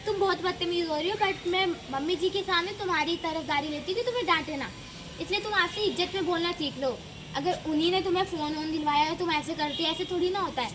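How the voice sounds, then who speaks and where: A woman with a very high voice, lecturing and arguing in a homemade comedy skit. Noise hangs behind her recording. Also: quick pace. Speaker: elder daughter-in-law in skit.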